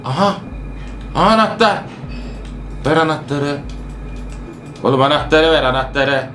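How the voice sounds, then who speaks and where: A man giving excited let's-play commentary on a horror game, joking as a worried father and repeating words in bursts. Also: fairly high pitch, measured pace, echoey room, slight background noise. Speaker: gamer playing a horror obstacle game.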